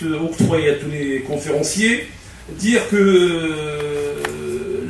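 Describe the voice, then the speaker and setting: A man speaking formally at a public debate, halting, with many fillers and restarts. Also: high voice, a little mellow, slight background noise. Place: community hall. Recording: echoey hall from far off.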